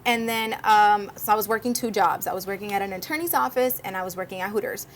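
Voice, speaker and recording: A woman's voice: medium pitch, quick pace, a little hiss or hum. A woman in her twenties, born in Cuba and raised in Miami, chatting as a guest on a talk show and acting out the quotes in her stories. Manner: lively, animated storyteller, acts out quotes. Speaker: guest co-host, social media influencer. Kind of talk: casual talk-show chat.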